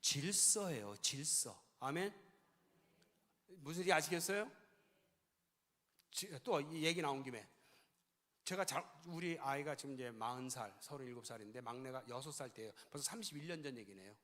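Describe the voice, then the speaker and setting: An older man gives a sermon-style lecture in a big church hall, telling lively stories and acting out every exchange. His voice is bright and forceful. A long reverb trails each phrase. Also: medium pitch, brisk. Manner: animated storytelling, acting out dialogues.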